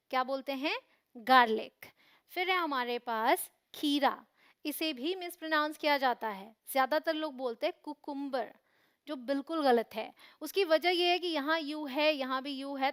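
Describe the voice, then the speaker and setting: High-voiced woman drilling English pronunciation. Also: a bit bright. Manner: slow repeated pronunciation drills with quiz questions. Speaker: English teacher. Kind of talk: vocabulary lesson to camera.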